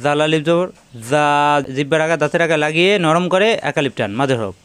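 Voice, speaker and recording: A man leads a step-by-step tajweed lesson. He chants each verse slowly and melodically, then breaks it down letter by letter in quick spoken explanations. His voice is smooth and resonant, recorded dry and close. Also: fairly high pitch, a bit bright, no echo. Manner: alternates slow melodic recitation with quick explanations of pronunciation. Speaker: Quran recitation teacher.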